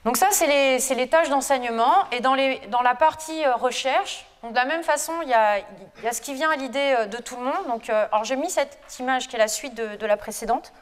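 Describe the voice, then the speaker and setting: A woman's voice: sits high, brisk, in a large hall. A French woman, a lecturer and researcher, giving a chatty, informal conference talk to students with frequent hesitations. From France. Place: lecture hall.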